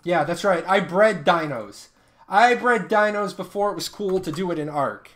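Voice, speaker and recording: A man's voice: sits high, normal speed, fairly bright tone. A man in his thirties hosting a live stream, chatting casually and joking with viewers while running giveaways. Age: 30s. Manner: joking, banters with chat.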